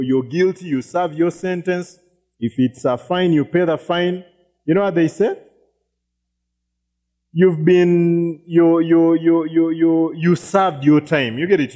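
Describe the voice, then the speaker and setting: A man's voice: a little high, warm tone. A man preaching a sermon as pastor, repeating words, often checking "you get it?" and acting out quoted voices.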